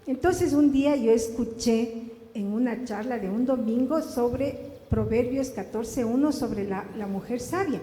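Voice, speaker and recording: A woman's voice: a little high, measured pace, dark tone. A woman giving an earnest, confessional personal testimony to a church congregation. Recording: echoey church hall with faint room noise.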